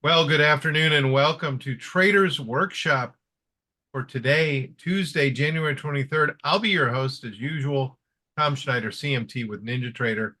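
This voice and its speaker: A man's voice: mid-range voice, normal speed, sharp tone. A man hosting a live trading webinar, talking in a friendly casual way with many fillers and restarts. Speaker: webinar host.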